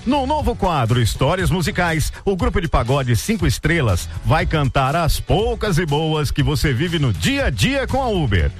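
A man's voice: fairly high pitch, very animated, normal speed, hardly any pauses, soft background music. A man presenting a scripted radio segment, reading out questions and announcements as the host.

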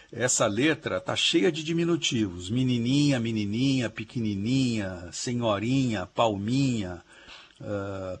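A man's voice: fairly low pitch, husky. A man speaking as a language professor on a radio show, chatting and patiently explaining spelling rules with asides. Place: remote line from abroad.

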